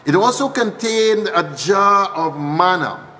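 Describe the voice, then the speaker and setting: Trinidadian male preacher, slightly high voice, teaching sermon that repeats key lines, long church reverb. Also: expressive, takes it slowly, bright, forceful tone. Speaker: archbishop preaching.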